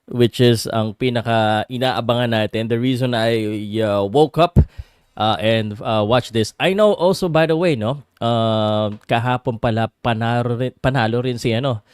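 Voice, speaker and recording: A man with a Filipino accent and a clear, smooth voice hosts a sports livestream in a casual, chatty style. He sits at an ordinary male pitch in a dry-sounding space, hesitating often as he slips between English and Tagalog. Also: normal speed, a little mellow, dry recording. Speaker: livestream host and boxing commentator. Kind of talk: casual livestream chat with viewers.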